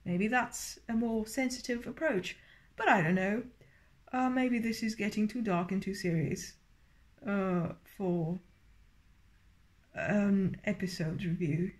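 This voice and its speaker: A woman's voice: mid-range voice, takes it slowly, long pauses, a little mellow. A tipsy woman giving a casual, rambling review, often searching for words and swearing now and then. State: tipsy from drinking. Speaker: video reviewer.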